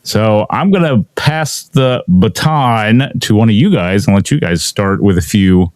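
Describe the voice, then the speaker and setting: Low-voiced podcast host, keeps saying "you know", dry close sound. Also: male voice, expressive, a little mellow, dry recording. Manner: halting, fills with "you know" and "I mean". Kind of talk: casual podcast chat.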